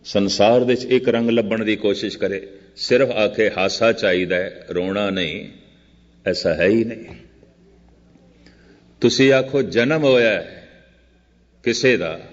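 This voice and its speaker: An older man giving a Sikh scripture discourse, speaking in slow, measured, repeated contrasting phrases and drawing out quoted verses. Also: lowish voice. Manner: chants quoted verse very slowly. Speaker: Sikh preacher giving katha. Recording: muffled old recording with long hall reverb.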